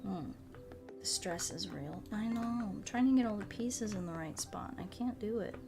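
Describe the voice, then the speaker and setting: A woman hosts a casual livestream as she plays a game, thinking out loud and rambling informally. She speaks in a mid-range voice at normal speed, with music running in the background.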